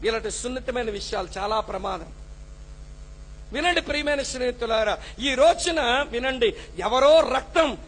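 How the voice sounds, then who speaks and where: A man preaching a fiery sermon as a pastor, scolding his congregation, rising to shouts and then dropping to a low, quiet tone. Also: normal speed, a little hiss or hum.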